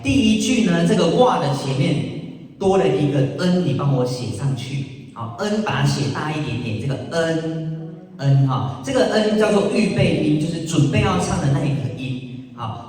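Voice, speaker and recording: A man's voice: on the high side, darkish tone. Male vocal teacher, patient and coaxing, sings demo lines; distant, echoey room. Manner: patient, coaxing, breaks into song to demonstrate. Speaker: singing teacher. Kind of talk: step-by-step vocal lesson with sung demonstrations.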